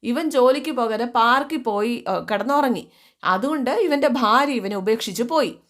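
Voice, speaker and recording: A woman voicing a sharp-tongued man who taunts sarcastically. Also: fairly high pitch, moderate pace, natural voice. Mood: taunting.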